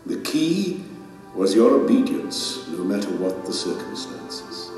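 A man playing a majestic, benevolent king in an audio drama, speaking in solemn, measured, regal pronouncements. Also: lowish voice, sing-song. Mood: grave, authoritative. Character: majestic benevolent king judging his subjects. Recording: cavernous echoing hall, music behind.

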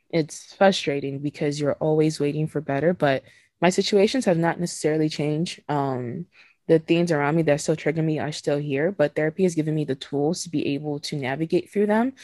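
In her twenties and from Nigeria, this podcast host speaks candidly and emotionally, laughing between thoughts and swearing without fuss. She has a low, slightly mellow voice at normal speed, with no room sound.

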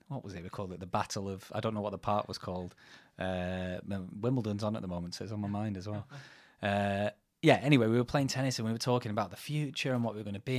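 Brief: male podcast host, low voice, relaxed reflective banter. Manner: reflective, wandering, friendly banter. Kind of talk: casual chat.

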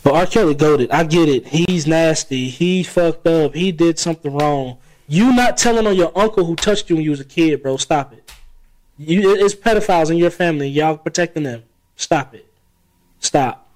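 A loud, opinionated man in his thirties holds forth in a relaxed podcast chat. His voice sits a little high for a man, and he swears freely as he argues his points. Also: moderate pace, low-quality recording. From South Carolina. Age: 30s. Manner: loud, profane, opinionated ranting. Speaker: podcast co-host. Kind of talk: casual chat.

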